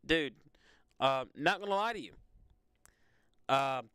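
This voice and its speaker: A young man from Alabama with a relaxed drawl hosts a live severe weather stream. His voice is smooth and clear, recorded close with almost no room sound. He talks casually, stumbling over fillers as he reads the radar. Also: fairly high pitch, takes it slowly, dry recording. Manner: casual, rambling, frequent fillers. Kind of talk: live weather coverage chat.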